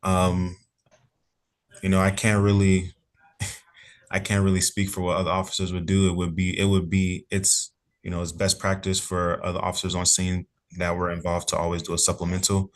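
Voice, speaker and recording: A man's voice: sits low, completely flat delivery, normal speed. A police officer testifying in court over a remote call, polite and hedging in his answers.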